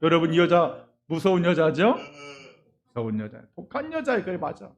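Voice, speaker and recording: A man preaching a sermon as pastor, telling folksy stories straight to his congregation and swinging from loud cries to quiet asides. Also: on the high side, wildly swooping pitch, normal speed, muffled recording. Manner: folksy storytelling, addresses the congregation directly.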